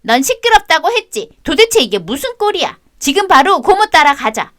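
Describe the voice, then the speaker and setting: A sneering, domineering middle-aged sister-in-law from a radio drama, voiced by a woman. Her voice sits high and swings widely as she scolds and mocks. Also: big pitch swings, moderate pace, a bit bright, exaggerated voice. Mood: scolding.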